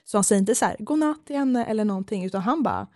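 A woman's voice: medium pitch, a little mellow, no room sound, studio quality. A young woman, telling a story in casual podcast chat, acting out quotes and swearing freely.

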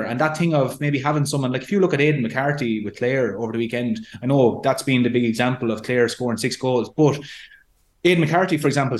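A man with an Irish accent giving casual sports analysis as a pundit. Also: mid-range voice. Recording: echoey room sound.

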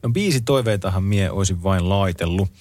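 A male night radio co-host with a fairly low voice on a close studio mic. He reads listener messages and song requests in an easygoing, conversational way. The sound is dry. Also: a little mellow, no echo. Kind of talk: casual late-night radio chat. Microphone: close studio microphone.

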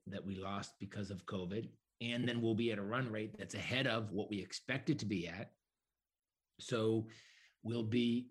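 A man's voice: on the low side, breathy edge. A middle-aged man giving explanatory interview answers, building points through emphatic repetition and lists. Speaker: broadband executive interviewee.

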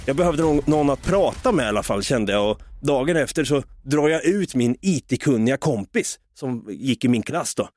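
Animated man telling a story. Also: mid-range voice, hardly any pauses, no echo, clean studio sound, faint music behind. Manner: animated, swearing, acts out voices in his anecdotes. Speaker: podcast co-host. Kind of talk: casual comic storytelling.

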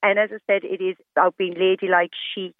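Woman, west of Ireland accent, radio interview guest, emphatic, medium pitch, muffled phone audio. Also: little pitch movement, quick pace, no echo. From Galway, west of Ireland. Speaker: interview guest, stylist and fashion competition judge. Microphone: telephone. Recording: muffled narrow-band phone line.

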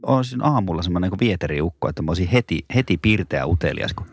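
Middle-aged man, deep voice, podcast co-host, self-deprecating, dry close sound. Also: animated, husky, no echo. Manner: self-mocking, laughs often. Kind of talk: casual chat.

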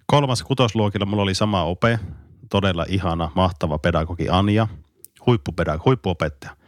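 A man's voice: deep voice, dry recording, studio quality. A man co-hosting a casual podcast, a teacher reminiscing in a reflective way and laughing easily.

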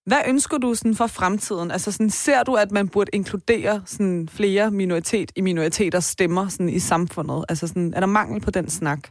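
A woman's voice: mid-range voice, few pauses, no room sound, studio quality. A woman co-hosting a podcast, asking questions and chiming in with frequent agreement. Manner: supportive, chimes in with frequent agreement. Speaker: podcast co-host. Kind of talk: casual podcast interview.

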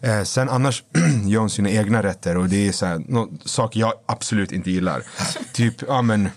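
A man guest in casual podcast chat, an animated storyteller who acts out quotes loudly. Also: fairly low pitch.

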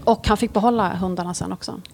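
A woman's voice: medium pitch, creaky, a little hiss or hum. A woman, a police officer, animatedly telling a story in casual conversation and swearing freely. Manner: lively, swears freely, acts out scenes.

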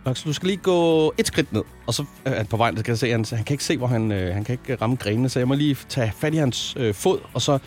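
A man's voice: medium pitch, lively intonation, few pauses, darkish tone, soft background music. A man in his thirties from Zealand, a radio host telling a weekend story in casual chat, full of fillers and restarts. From Zealand, Denmark.

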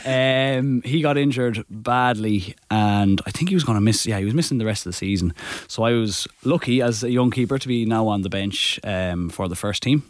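A man's voice: fairly low pitch, normal speed, dry recording. A young Irish man, a goalkeeper guest on a podcast, tells rambling stories in casual chat, often correcting himself and laughing. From Ireland.

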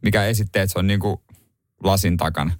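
A man's voice: deep voice, fairly even intonation, no room sound. A man co-hosting a casual chat, dropping dry, wry one-liners.

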